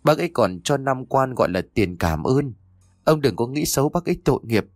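A man's voice: mid-range voice, big pitch swings, a little fast, darkish tone, no echo, clean studio sound, faint music behind. A man voicing a frightened young wife who pleads tearfully with her husband. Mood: pleading.

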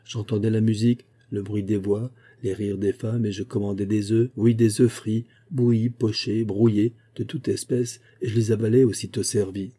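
A man's voice: lowish voice, little pitch movement, moderate pace, hardly any pauses, warm tone, breathy edge. Penfield, a man voicing a brusque weary prospector. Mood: dreamy. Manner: clipped, brusque. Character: weary gold-country man, longing for home.

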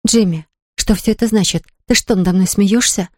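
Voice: medium pitch, moderate pace, darkish tone, no echo, clean studio sound, lightly acted. A reader voicing a distraught young woman who pleads through tears. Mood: pleading. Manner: pleading, tearful outbursts.

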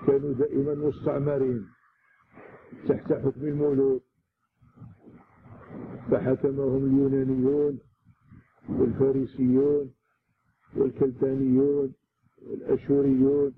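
A man's voice: mid-range voice, flat delivery, normal speed, creaky. A man with a Moroccan accent giving a scripture commentary lesson, explaining carefully and repeating key words for emphasis. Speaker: religious teacher. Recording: tinny lo-fi recording with loud noise.

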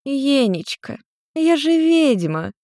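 A woman doing a drawling, slurring witch mother, voice pitched well up and dragged out in slow, teasing phrases. She sounds tipsy and playful, all sing-song lilt. The storybook reading is close and dry. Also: big pitch swings, a little mellow, no echo, full character voice.

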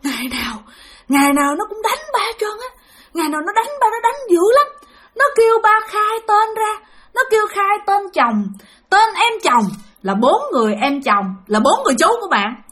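A woman's voice: sits high, very animated, fairly quick, a bit bright. Woman voicing a weeping old man's ghost. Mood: tormented. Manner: sobbing, pleading, repeats cries. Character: dead grandfather's ghost, old man, pained, weeping.

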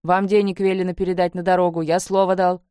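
A woman's voice: lowish voice, level tone, fast talker, warm tone, clean tone, dry recording, studio quality, close to an everyday voice. A woman voicing a fierce armed horseman who barks orders in broken, clipped speech. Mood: commanding. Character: fierce armed horseman, grown man, loyal to his word.

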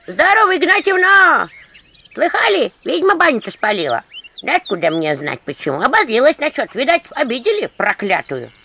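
An old village gossip hollering greetings and rumours, crotchety and loud, pitched very high, as a woman puts her on. The voice is strained and lively. Faint background noise under it. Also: normal speed, heavily acted. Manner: loud, old-sounding calling out.

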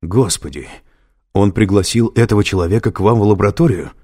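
An anxious professor pleading urgently, as a man reading an audiobook puts him on. The voice is low and tense, each phrase pushed forward with worry. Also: fairly quick, warm tone, slightly rough.

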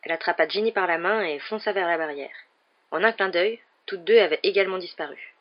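An audiobook reader narrating a novel in an even, measured way. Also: mid-range voice, lo-fi sound.

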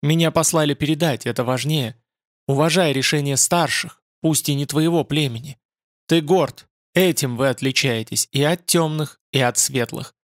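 A man's voice: on the high side, normal speed, no room sound, studio quality, natural voice. A man voicing a grave, proud female spirit being who speaks in a solemn, reserved way.

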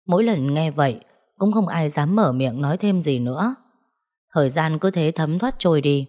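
A woman narrating a ghost story in a steady storytelling manner. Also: deep voice. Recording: faint background music.

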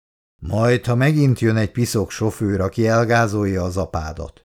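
A man reading a story aloud and voicing a drunk, bullying middle-aged father who shouts gruffly and slurs his slow words. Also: fairly low pitch, close to an everyday voice. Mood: menacing.

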